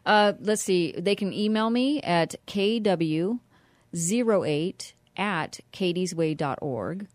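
A woman speaks earnestly as a guest on a radio show, her voice sitting on the low side. The sound is dry and close, with no room around it. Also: expressive, no echo. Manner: earnest, spells things out slowly. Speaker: nonprofit director, guest. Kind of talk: radio interview.

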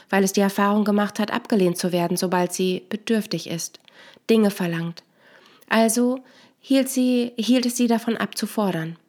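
A woman narrating a scripted story that explains everyday behaviour in a calm, explanatory way. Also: mid-range voice.

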